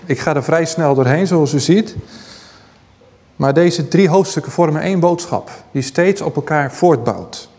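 A man preaching a Bible-teaching sermon, his voice sitting a little high. He reads scripture aloud with lifting emphasis. The sound rings with a long hall reverb. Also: unhurried, a little mellow.

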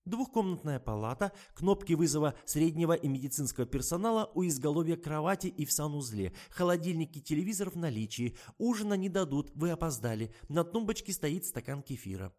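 A man's voice: a little high, normal speed, voice pushed up, natural voice. A man voicing a sulky, cheeky young woman nurse who answers back in a snappish way. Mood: curt.

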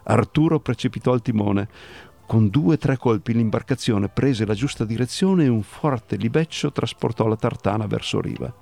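A man reading a literary story aloud on a radio show, in a measured, expressive storytelling manner. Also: mid-range voice, gravelly. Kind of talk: literary narration.

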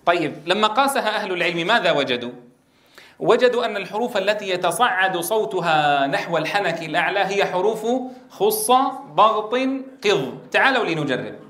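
Man, Quran recitation teacher, fairly high voice, quizzes the class and sounds out letters loudly, echoey room. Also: animated, fairly quick. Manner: drills letter sounds aloud, asks the class questions; loud stressed demonstrations of letters. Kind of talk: tajweed lesson to trainee teachers.

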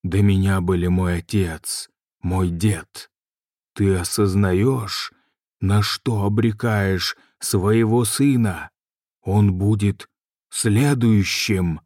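A man voicing a huge, menacing male demon lord in an audiobook, speaking in a slow, rumbling way. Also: fairly even intonation, darkish tone, no echo, studio quality.

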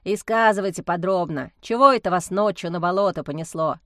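A woman playing a gruff little house spirit. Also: on the low side, fairly quick, no room sound, clean studio sound, voice pushed down, lightly acted. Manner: gruff, muttering. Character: short homely house spirit man.

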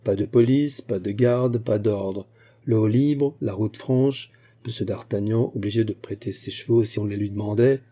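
A man reading aloud and voicing a shrewd, courteous musketeer captain who speaks with polite insistence and quiet irony. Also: lowish voice, moderate pace, natural voice. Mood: insistent.

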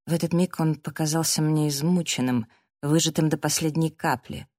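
A woman narrating a first-person audiobook in a steady, dramatic reading. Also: low voice, normal speed, no echo, studio quality.

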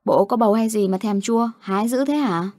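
A woman's voice: mid-range voice, brisk, dark tone, dry recording, studio quality, natural voice. A woman voicing a blunt, teasing young woman in an audio story. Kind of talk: storytelling narration.

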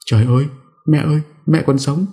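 A man's voice: lowish voice, normal speed, creaky, mellow, pitched above the performer's own voice. A man voicing a frightened older woman in an audiobook story, speaking in a tremulous, pleading way. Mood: terrified.

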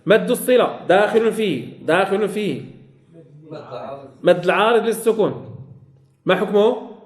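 A man's voice: high voice, normal speed, echoey room. A man teaching a classroom lesson on Quran recitation rules, repeating key phrases and quizzing his students.

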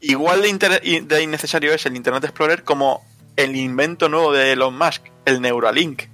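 Bright-voiced podcast host. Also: male voice, a little high, moderate pace, soft background music. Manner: lively, joking, swears casually. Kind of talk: casual podcast chat.

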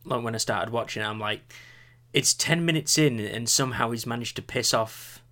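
Casting note: male podcast co-host, wry and understated, bright forward voice. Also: mid-range voice, moderate pace. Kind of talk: casual chat.

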